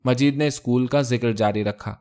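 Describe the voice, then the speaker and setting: A male storyteller reading a short story aloud in a steady, measured way. His voice sits at an ordinary middle pitch and keeps an even pace through the narration. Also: clear, resonant tone.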